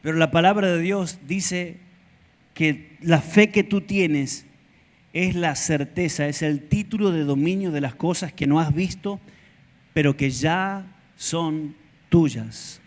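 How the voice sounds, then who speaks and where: A man's voice: on the high side, slow, long reverb tail. A male pastor with an Argentine accent, preaching emphatically, stretching stressed words and calling on the congregation to repeat after him. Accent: Argentine Spanish. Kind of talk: preaching a sermon.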